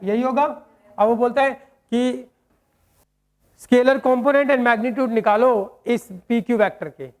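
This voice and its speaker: A man teaching a maths lesson to a class in speech, quizzing students with quick questions and joking with them. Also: very high-pitched, darkish tone.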